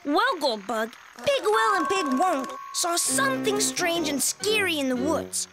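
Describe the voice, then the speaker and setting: An actor voicing a curious, upbeat young boy cat detective in a kids' cartoon, speaking calmly and reassuringly. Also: extremely high pitch, measured pace, heavily acted. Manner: calm, reassuring, clear diction. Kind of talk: cartoon voice acting. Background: music.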